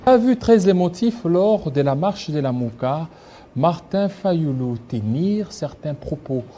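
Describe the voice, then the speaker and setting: A man from Congo hosting a political talk show, asking measured, pressing questions. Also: a little high, mellow, a little hiss or hum. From Democratic Republic of the Congo. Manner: measured, pressing questions, slow deliberate phrasing. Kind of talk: political interview.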